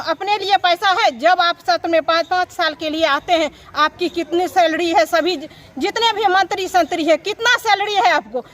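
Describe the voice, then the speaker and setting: A woman's voice: very high-pitched, fairly bright tone. A woman from Bihar giving an impassioned protest speech in the street, full of indignant rhetorical questions. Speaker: protesting anganwadi worker.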